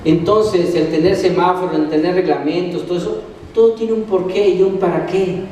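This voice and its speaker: Mexican male preacher, high and mellow, rhetorical-question sermon, distant mic with heavy hall echo. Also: steady tone, normal speed, slight background noise. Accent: Mexican Spanish. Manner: asks the congregation questions and answers them. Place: church hall.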